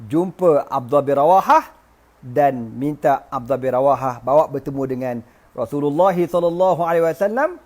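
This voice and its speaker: A male preacher who tells a religious story in a joking, lively way, moving between recited Arabic and casual slang. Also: on the high side, moderate pace. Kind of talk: humorous storytelling sermon.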